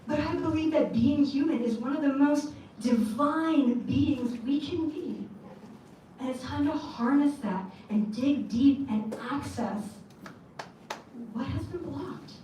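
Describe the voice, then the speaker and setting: Woman from Canada, stage talk, slightly high voice, very echoey hall, distant mic, faint ambience. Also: takes it slowly, dark tone, slight background noise. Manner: candid, storytelling, casual swearing. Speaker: speaker on stage. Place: large event hall. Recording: echoey hall recorded from far off.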